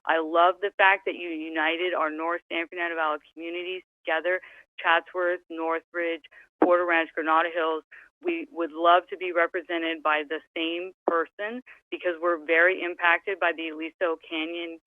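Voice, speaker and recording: A woman's voice: lowish voice, level tone, moderate pace, no room sound. A woman calling in to a public hearing on her phone's speakerphone, speaking earnestly and conversationally with a few fillers. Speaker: public comment caller. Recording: tinny dry phone line.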